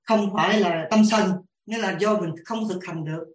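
A woman, a lay practitioner asking her teacher questions, halting as she searches for words. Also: mid-range voice. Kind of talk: dharma Q&A. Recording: roomy echo.

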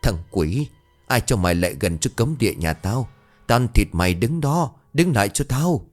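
Man doing a shouting demon-faced old villager. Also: lowish voice, expressive, moderate pace, soft background music, pitched above the performer's own voice, lightly acted. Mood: menacing. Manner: shouting threats.

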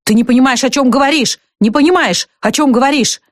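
A woman reading an audiobook voices an angry young husband, a captain, with a rough, barking delivery. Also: medium pitch, expressive, fast, no room sound, studio quality, natural voice. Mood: rough anger.

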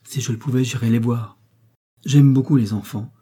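A man reading an audiobook, voicing a gentle, compassionate young princess who speaks softly and pleadingly. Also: mid-range voice, steady tone, moderate pace, husky, natural voice.

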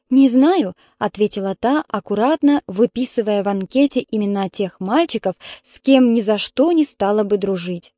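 A woman's voice: fairly high pitch, warm tone, dry recording. A woman narrating a story as an audiobook reader, telling it evenly. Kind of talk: audiobook reading.

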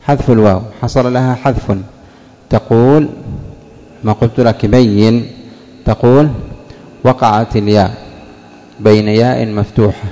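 Man teaching a grammar class, asks and answers himself, mellow tone, long hall echo. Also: mid-range voice, fairly even intonation. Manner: asks questions then answers them, drawing out example words slowly. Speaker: sheikh teaching Arabic morphology. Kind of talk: classroom lesson explaining word roots.

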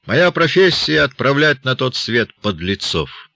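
A man's voice: medium pitch, very animated, unhurried, creaky, sharp tone, no room sound, voice pushed up, heavily acted. A man reading an audiobook, playing a dry-witted hired killer who speaks in a matter-of-fact way.

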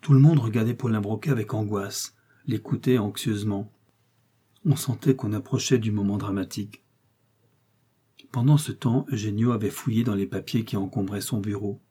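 A man narrating an audiobook in a steady, even reading. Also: lowish voice, moderate pace, husky.

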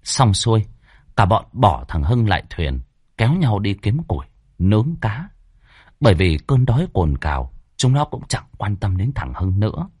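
Husky male ghost-story narrator. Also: lowish voice, sing-song, darkish tone, no room sound, clean studio sound. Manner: dramatic, varied delivery with tense pauses.

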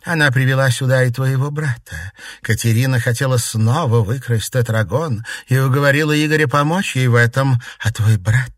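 A man's voice: mid-range voice, normal speed, no room sound, studio quality, voice pushed up, lightly acted. A man voicing a cold, scheming noble lady of shadows in an audiobook, falsely sweet and commanding.

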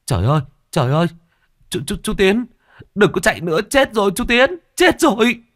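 A man voicing a terrified young fisherman who stammers and yells in frantic bursts, in a storybook reading. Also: sits high, very animated, a little fast, pitched above the performer's own voice. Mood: panicked. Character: young male fisherman, panicked and shrieking.

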